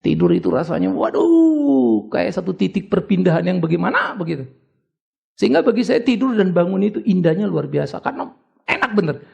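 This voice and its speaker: An older male pastor preaches with a strongly gravelly, creaky voice. He sits fairly high and swings widely in pitch, moving from chatty storytelling to sudden soaring exhortations. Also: very animated, brisk, darkish tone, lo-fi sound. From Indonesia. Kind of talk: sermon.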